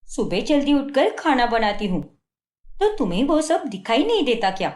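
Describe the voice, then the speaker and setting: A woman's voice: fairly high pitch, sing-song, moderate pace, darkish tone, reverberant. A young woman voicing a patient, hurt but dutiful wife in a cartoon, pleading and defensive. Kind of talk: Hindi cartoon dubbing.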